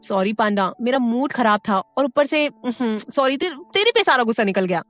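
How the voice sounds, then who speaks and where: A woman voicing a sharp-tongued, quick-tempered young student in an audio story. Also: fairly high pitch, lively intonation, dry recording, faint music behind. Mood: apologetic. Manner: snappy, blunt.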